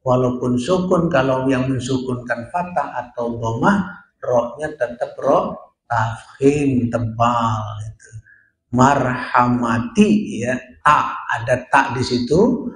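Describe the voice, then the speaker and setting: A man's voice: medium pitch, takes it slowly. A man teaching Quran recitation rules, explaining step by step and sounding out syllables for his class. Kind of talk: tajwid lesson at a prayer hall. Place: small prayer room. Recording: echoey prayer room.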